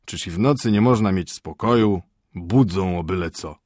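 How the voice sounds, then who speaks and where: A man's voice: low-pitched, moderate pace, darkish tone, dry recording, clean studio sound. A man reading an audiobook, voicing a sleepy husband who grumbles and snaps dismissively. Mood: drowsy grumbling. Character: sleepy grumpy middle-aged husband, a prosecutor's aide. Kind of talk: audiobook character voice.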